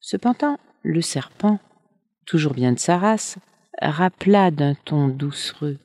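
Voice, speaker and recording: A storyteller reads a fairy tale aloud, slow and unhurried, with expressive rises for the dramatic moments. The voice sits in a middle pitch. The recording is dry and close, with no room sound. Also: no room sound.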